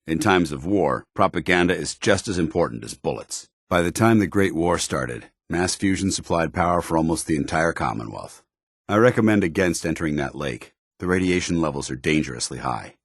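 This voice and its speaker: An actor playing a stern, dutiful military paladin in a post-apocalyptic video game, speaking formally with clipped authority. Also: male voice, extremely low pitch, breathy edge, no room sound, studio quality, full character voice. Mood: stern, observant. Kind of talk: video game companion dialogue.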